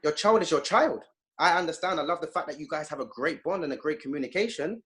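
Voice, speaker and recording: Talking fast in a slightly high, somewhat bright voice, a male youth activist gives an impassioned interview as a guest over video call. He preaches emphatically and performs the voices of those he quotes.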